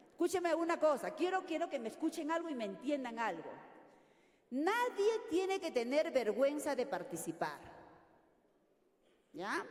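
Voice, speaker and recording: An older woman from Peru leading a teacher workshop, lively and constantly checking in with her audience. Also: high-pitched. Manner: animated, questioning audience often. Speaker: teacher trainer. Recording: echoey hall.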